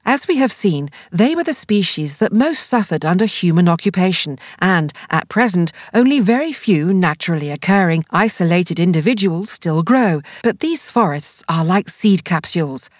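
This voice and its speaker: A woman reading scripted nature documentary narration as an audio guide, in a measured, explanatory way. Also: fairly low pitch, lively intonation, no room sound, clean studio sound. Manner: measured, explanatory read delivery.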